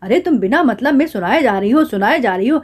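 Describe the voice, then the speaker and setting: A woman's voice: fairly high pitch, animated, brisk, breathy edge. A woman voicing a quarrelsome middle-aged husband who grumbles and brushes his wife off, in a doll drama. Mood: fed up. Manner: grumbling, dismissive. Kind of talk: doll drama role-play.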